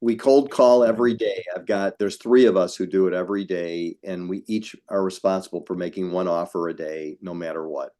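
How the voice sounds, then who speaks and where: Older man, very low voice, frank, emphatic, video call interview guest. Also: fairly even intonation, brisk, few pauses, warm tone. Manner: frank, emphatic, with self-mocking asides. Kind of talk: casual interview.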